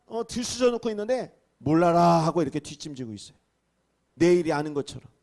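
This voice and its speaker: A man, a senior pastor, preaching a sermon, swinging from hushed asides to emphatic, raised exclamations. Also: sits high. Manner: acts out rebukes and quoted speech in a raised voice.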